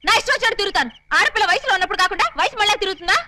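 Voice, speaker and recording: Brief: a very high, quick, bright melodramatic young woman, film comedy. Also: expressive, slight background noise, full character voice. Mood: defiant. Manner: loud, pleading, melodramatic. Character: brash young woman chasing a reluctant groom.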